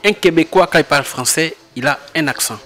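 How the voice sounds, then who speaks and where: A man's voice: on the high side, fairly quick, fairly bright tone. A man, a panel guest making firm points. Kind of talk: debate discussion.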